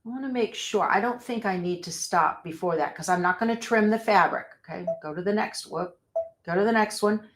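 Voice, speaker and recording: A woman's voice: mid-range voice, a little fast, faint music behind. A woman teaching machine embroidery on a live stream, thinking aloud as she sets up her machine and chatting with viewers. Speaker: embroidery instructor. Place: sewing room.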